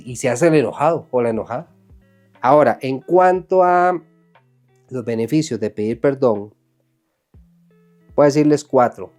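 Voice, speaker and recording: Earnest preacher man over soft guitar. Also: mid-range voice. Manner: earnest, animated, acts out quoted voices. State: sweating from emotion. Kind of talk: sermon.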